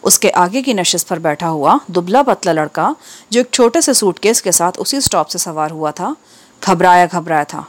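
A woman reading an Urdu textbook aloud, with careful, measured delivery and steady pauses between items. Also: fairly low pitch. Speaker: textbook reader.

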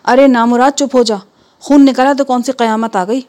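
A woman's voice: a little high, fairly even intonation, a little mellow, voice pushed up, lightly acted. A woman reading the part of a busy, flustered housewife who exclaims and scolds.

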